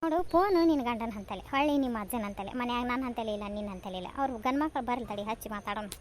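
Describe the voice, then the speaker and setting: A woman with a North Karnataka Kannada accent voicing a fussy older village mother-in-law who talks on and on to calm her daughter-in-law in a cartoon. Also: a little high, fast talker, slight background noise, natural voice. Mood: soothing. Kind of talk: cartoon voice acting.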